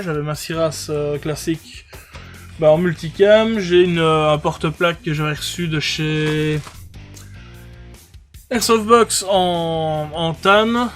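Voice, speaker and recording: A man casually reviewing airsoft gear, talking hesitantly with many fillers and restarts. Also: on the high side.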